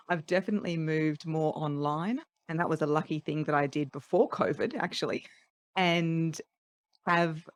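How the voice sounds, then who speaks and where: In a podcast interview with no echo, a voice coach guest chats casually in a deep voice. She is a middle-aged Australian woman who speaks articulately, with light laughter between her points.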